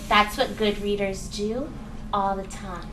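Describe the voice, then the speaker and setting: A woman teacher speaks at a slow, deliberate pace, as though reading to a toddler. Her language is simple and expressive, with pauses for thinking aloud. She is recorded from a distance in an echoey classroom with loud background noise. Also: medium pitch. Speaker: kindergarten teacher. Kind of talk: reading lesson for young children, reading aloud and modelling thinking. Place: classroom with young children.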